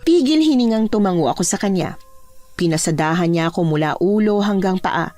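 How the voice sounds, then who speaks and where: A woman narrating a horror story in the first person, in a measured, hushed way. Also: mid-range voice, expressive, soft background music.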